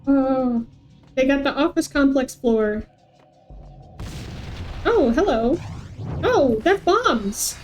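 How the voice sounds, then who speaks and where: This woman game streamer, whose first language isn't English, chats casually and comments on her play during a livestream. Her high, slightly mellow voice is animated yet slow, broken by frequent pauses. Soft music plays behind her, with faint background noise.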